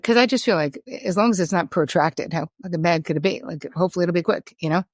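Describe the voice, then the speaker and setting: A woman's voice: lowish voice, fast talker, dry recording, studio quality. A woman hosting a casual interview, talking candidly and informally, with some casual swearing. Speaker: interview host.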